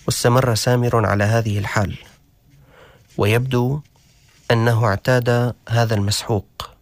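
A man hosting a story show, narrating a cautionary tale slowly and deliberately, with dramatic pauses. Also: lowish voice, no room sound. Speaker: storyteller host.

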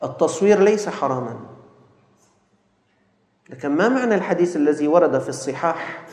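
A man delivers a sermon in a slightly raised voice, turning to his listeners as brothers and mimicking quick blunt replies. The recording carries heavy room echo with a long reverb tail, like a large hall. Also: on the high side, a little mellow. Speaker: preacher.

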